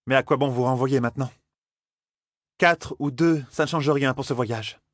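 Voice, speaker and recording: A man's voice: mid-range voice, moderate pace, no room sound, clean studio sound, voice pushed up, close to an everyday voice. A man voicing a haughty, short-tempered woman sorceress in an audiobook. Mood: stern. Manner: stern and commanding.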